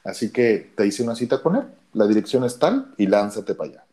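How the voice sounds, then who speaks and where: A man with a deep voice and a Mexican Spanish accent, a radio announcer telling his story in casual chat and acting out the dialogue. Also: big pitch swings, a little fast, warm tone.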